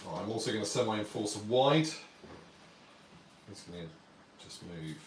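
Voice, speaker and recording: Playing a tabletop wargame on a home live stream, a man talks with his viewers and walks through the rules as he goes. He speaks at normal speed in a lowish voice with lively intonation, indoors in a warm apartment, captured by a distant mic with roomy sound and faint noise.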